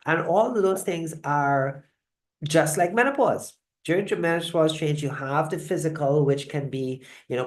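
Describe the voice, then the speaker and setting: A woman from Guyana hosting a live online wellness session. She speaks in a conversational, halting way and often checks in with "right?". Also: low-pitched. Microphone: video call mic.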